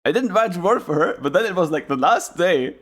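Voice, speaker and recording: A man's voice: high voice, animated, a little fast, fairly bright tone. A man giving casual, rambling reaction commentary as a streamer, musing aloud and trailing off in asides.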